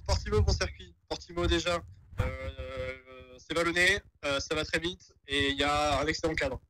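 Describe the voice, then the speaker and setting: Phone-on-speaker caller: man, bright edgy tone, hesitant and filler-heavy. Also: on the high side, moderate pace, slight background noise, rough recording. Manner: hesitant, caught off guard, many fillers. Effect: heard over a phone on speaker. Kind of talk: casual chat.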